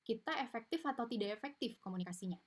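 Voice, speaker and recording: A woman's voice: a little high, animated, fast talker. A woman giving an informal online parenting lecture, chatty and explanatory, with frequent tag fillers, over a video call mic. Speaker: parenting webinar speaker.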